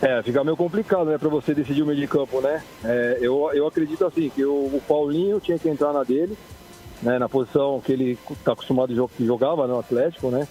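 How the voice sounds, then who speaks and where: A man's voice: medium pitch, quick pace, dark tone, soft background music. A man calling in over a phone line who chats casually and hesitantly about football, often ending his phrases with a tag question. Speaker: caller.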